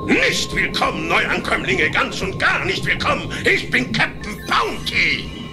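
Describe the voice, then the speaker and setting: A man playing a boastful, bossy, joking ship captain in a German cartoon audio play, pompous and quick to laugh at himself. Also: very high voice, wildly swooping pitch, heavily acted. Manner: pompous, jokey, laughing at own jokes. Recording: music behind the voice.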